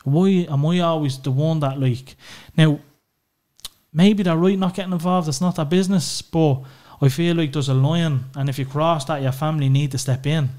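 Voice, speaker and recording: A dark-toned, slightly high male voice at normal speed belongs to an Irish podcast guest. Open and emotional, he discusses his family frankly, swears without hesitation, and uses lots of "you know" filler.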